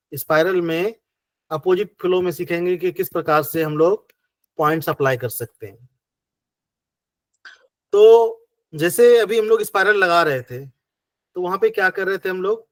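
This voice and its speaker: A man's voice: sits high, no room sound. A man with a Hindi accent teaching an acupressure class, explaining step by step with patient rhetorical questions.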